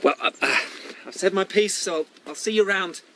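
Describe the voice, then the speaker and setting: A man's voice: sits high, a little fast, bright, forceful tone, a little hiss or hum, low-quality recording. An actor playing a hesitant, stammering older brother who awkwardly warns a woman off. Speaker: Rex, protective older brother. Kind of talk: radio drama acting.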